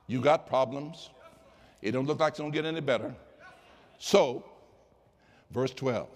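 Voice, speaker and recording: A male pastor preaching a sermon, swinging from quiet asides to impassioned shouts. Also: mid-range voice, measured pace.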